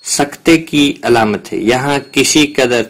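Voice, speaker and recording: Male Quran tutor, patient explanatory delivery, mid pitch. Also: a bit bright. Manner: patient, explains step by step with examples. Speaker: Quran tajweed teacher. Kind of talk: explanatory lesson.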